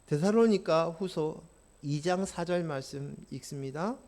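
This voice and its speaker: A male pastor preaching a sermon, impassioned and swinging from quiet to loud, often putting questions to the congregation. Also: fairly high pitch, measured pace.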